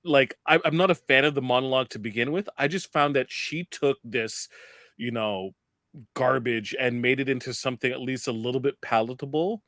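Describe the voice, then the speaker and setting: Mid-pitched man, dry studio-like sound. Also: a little fast, a bit bright, dry recording. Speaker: podcast co-host. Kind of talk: casual film chat.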